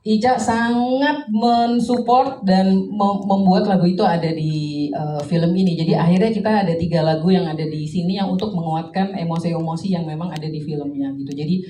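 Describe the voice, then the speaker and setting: A woman's voice: fairly low pitch, normal speed, dark tone. A woman film director answering at a press conference, thoughtful and full of fillers and restarts. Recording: roomy hall, distant mic, faint noise.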